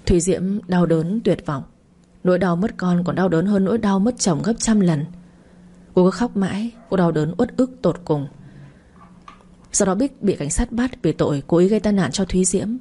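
A woman narrating a dramatic family story in a steady, scripted reading. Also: lowish voice, normal speed, husky.

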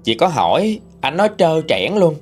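Expressive Southern Vietnamese male storyteller. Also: a little high, normal speed, husky, soft background music. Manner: expressive, gossipy. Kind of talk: narrating a true-life story.

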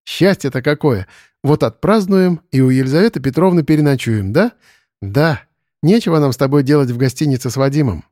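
A man's voice: a little high, animated, fairly quick, warm tone, dry recording, clean studio sound, natural voice. Young woman, resolute, tender, earnest, slightly lifted voice, read by a man. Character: young bride, hurt but resolute and tender.

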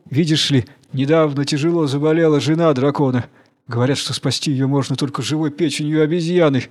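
A man's voice: medium pitch, natural voice. A man voicing a foolish, talkative female jellyfish in a fairy tale. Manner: chatty, teasing.

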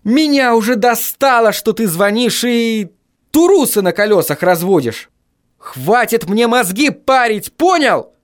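A man voicing an exasperated young man yelling down the phone in an audiobook reading. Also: fairly high pitch, sing-song, takes it slowly, dry recording, clean studio sound, heavily acted.

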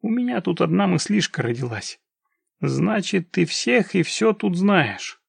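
A man's voice: high voice, sing-song, a little slow, vocal fry, husky, dry recording, voice pushed up, full character voice. A man doing a shrewd persuasive scout. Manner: persuasive, questioning.

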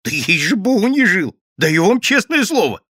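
A man's voice: high-pitched, big pitch swings, normal speed, pushed and bright, breathy edge, dry recording, studio quality, voice pushed up, exaggerated voice. A man voicing a naive, carefree man who sounds lightly puzzled. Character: carefree invisible man, young-ish, naive.

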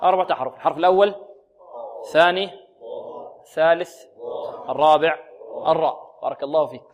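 A male Quran recitation teacher giving a tajweed lesson on the radio, slowing and stretching example words and asking his students questions he then answers himself. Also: fairly high pitch, lo-fi sound.

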